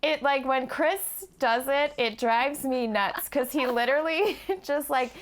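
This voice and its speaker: A woman's voice: high-pitched, unhurried. A woman co-hosting a casual podcast chat, laughing often and restarting her sentences.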